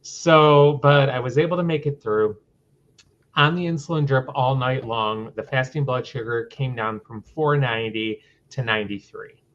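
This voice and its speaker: A middle-aged man telling his story as a guest on a livestream interview, animated and acting out the people in it. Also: medium pitch, normal speed, highs cut off.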